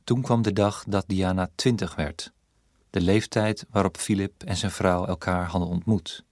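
A man reading a literary story aloud as narrator, in a measured, even storytelling manner. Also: deep voice, no room sound, studio quality. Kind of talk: audiobook narration.

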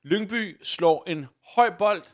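A man running a football role-play game as game master, narrating the match like a commentator. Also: sits high.

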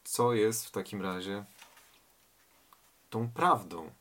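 A man's voice: on the low side, takes it slowly, fairly bright tone. A man reading a tale aloud and commenting on it reflectively, asking rhetorical questions. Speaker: reader and literary commentator.

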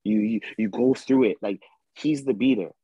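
A man's voice: medium pitch, normal speed, dark tone, highs cut off, a little hiss or hum. A young man in casual sports banter, speaking in a slangy, emphatic, argumentative way as a panelist.

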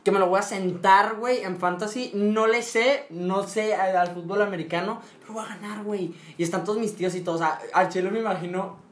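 A man's voice: sits high, steady tone, brisk, hardly any pauses. A young man in his late teens with a Monterrey accent, telling stories in a slangy, joking way as a podcast co-host. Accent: northern Mexican (Monterrey). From Monterrey, Mexico. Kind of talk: casual chat. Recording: echoey room, faint background noise.

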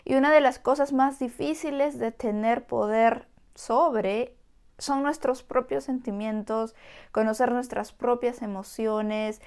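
Expressive woman hosting a motivational podcast. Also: a little high, clean tone. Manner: expressive and encouraging, acts out voices of adults soothing children. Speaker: podcast host.

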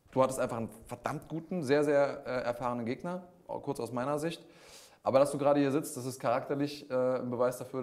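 A man with a medium-pitched voice hosts a combat sports interview on a live stream. He is conversational and wordy, encouraging his guest through long, winding questions. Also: darkish tone.

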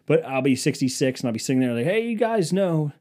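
Very animated and fast, this man's voice sits on the high side with a darkish tone. He's a vlogger in his twenties at an indoor museum exhibit, telling a long, meandering, foul-mouthed, self-mocking story to his phone camera.

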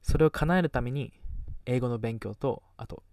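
This teenage man from Kagoshima, Japan, nineteen and lightly accented, hosts a podcast in a mid-range, darkish voice at a moderate pace, recorded far from the mic with no room sound. His casual chat wanders, self-deprecating, often trailing off as he loses track.

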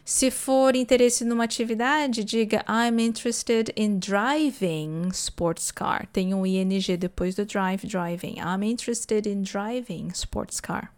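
A Brazilian woman, a native Portuguese speaker with a Brazilian Portuguese accent, teaches English in a podcast lesson. Her mid-range voice is smooth as she explains slowly and demonstrates pronunciation.

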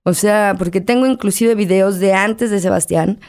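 A woman's voice: mid-range voice, normal speed, a little mellow. A middle-aged Mexican woman speaks as an interview guest, her accent plain in every line. She tells a hard personal story candidly, with emotion close to the surface. She acts out the voices of the people in her story as she talks.

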